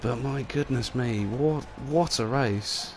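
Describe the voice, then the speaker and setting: A man commentating a sim racing league with excitable, exclamatory calls. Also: medium pitch, takes it slowly, over music. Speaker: race commentator.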